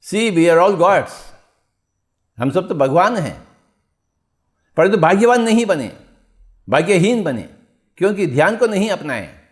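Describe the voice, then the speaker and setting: A meditation teacher with a high voice gives a spiritual discourse, exhorting listeners with repeated key phrases and rhetorical questions. He speaks in a sing-song way, slowly, pausing often.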